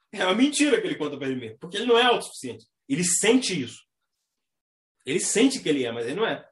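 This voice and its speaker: A man with a Brazilian Portuguese accent hosting a casual astrology chat, talking in a slangy, animated way and mimicking the people he describes. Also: high-pitched. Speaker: astrology talk host. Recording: echoey room.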